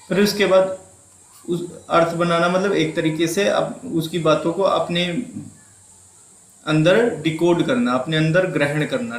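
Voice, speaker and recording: A male teacher with a Hindi accent giving an exam-prep lecture, repeating key terms and asking and answering his own questions while mixing English words into his talk. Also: on the high side. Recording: echoey room.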